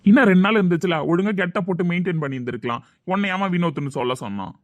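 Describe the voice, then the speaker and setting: A man's voice: sits high, very fast, no room sound, lightly acted. A man playing a loyal young friend who pleads with and coaxes his upset buddy in an audio drama. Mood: teasing. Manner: coaxing, earnest.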